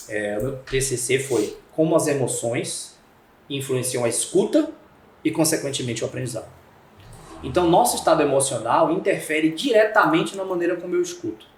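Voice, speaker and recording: A man with a Brazilian Portuguese accent, a podcast guest explaining communication through lively stories and acted-out dialogue. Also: medium pitch, echoey room. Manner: animated storyteller acting out quoted dialogue. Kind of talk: conversational podcast interview.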